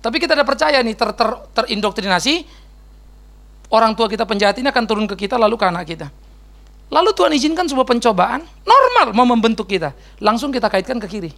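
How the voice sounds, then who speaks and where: A man's voice: very high-pitched, big pitch swings, fast, gravelly, fairly bright tone. A man pastor giving a casual, joking sermon and answering questions, slangy and sprinkled with English words. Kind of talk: conversational sermon with Q&A.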